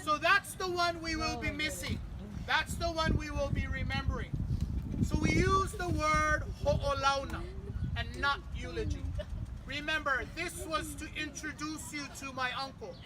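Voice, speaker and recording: At a beach, a woman with a high voice leads a family memorial at a moderate pace, playfully quizzing the crowd with games before praying. Clear traffic noise runs through the outdoor ambience.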